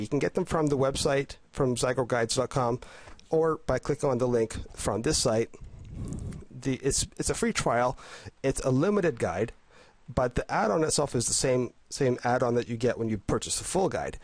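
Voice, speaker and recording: Nasal and a little stuffy from a head cold, a man narrates a casual gameplay guide at home, his pitch in an ordinary middle range. He's enthusiastic but halting, full of fillers, stumbles and restarted sentences, and the recording is dry with no room echo.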